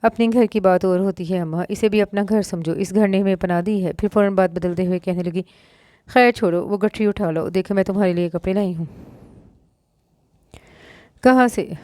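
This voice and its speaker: Mellow-voiced woman reading a novel. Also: mid-range voice, a little fast, hardly any pauses, no room sound, clean studio sound. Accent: Pakistani Urdu. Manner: reads all parts in one even voice, lifting slightly for quoted lines. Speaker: novel narrator.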